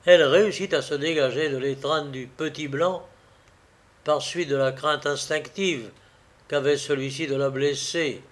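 A man narrating a novel as an audiobook, with a measured, dramatic reading. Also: on the high side, steady tone.

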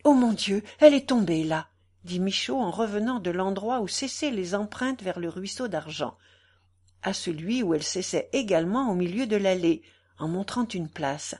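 A woman narrating an audiobook of a classic novel in a measured storytelling manner. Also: mid-range voice, darkish tone, slightly rough.

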